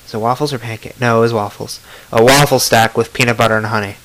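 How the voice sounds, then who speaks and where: A man's voice: medium pitch, fairly even intonation, fast talker, a bit bright, low-quality recording. A man from Florida casually answering tag questions to the camera in a blunt, offhand way, swearing freely. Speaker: vlogger.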